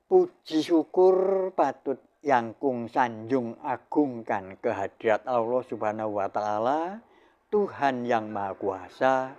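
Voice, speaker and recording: Older man, spiritual teacher, solemn sermon, very slow delivery, long pauses, mid-pitched voice. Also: lively intonation, darkish tone, muffled recording. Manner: measured, solemn, with long pauses between phrases.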